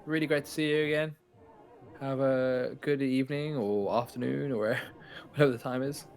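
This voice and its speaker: A man's voice: mid-range voice, steady tone, normal speed, darkish tone. A man co-hosting a retro game stream, chatting casually, swearing now and then and thanking viewers. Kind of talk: casual gameplay chat. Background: game music.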